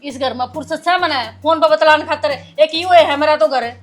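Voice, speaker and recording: A woman's voice: high voice, moderate pace, soft background music, close to an everyday voice. An actress playing a defiant young daughter arguing with her father, speaking with a Haryanvi accent. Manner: argumentative, defiant.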